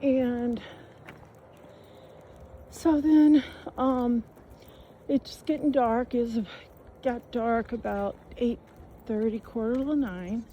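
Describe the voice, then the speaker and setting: A woman's voice: a little high, steady tone, very slow, pauses often, muffled recording, a little hiss or hum. A woman telling a camping story while walking outdoors, out of breath, rambling and colloquial with lots of fillers. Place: outdoors on a riverside trail.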